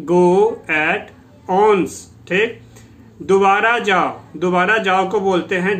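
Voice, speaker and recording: Slow, patient Hindi English-lesson teacher. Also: male voice, sits high, fairly bright tone. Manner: slow, repeats each phrase twice, drawing out English words; addresses listeners as "beta", explains patiently.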